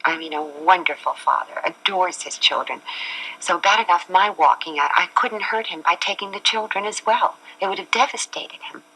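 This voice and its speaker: A Chilean woman in her forties, a talk show guest on an old TV studio set, talks earnestly and at length about her own life in candid personal terms. Her voice is fairly low at a normal speed, with a bright, forceful, slightly rough tone, and the recording is rough.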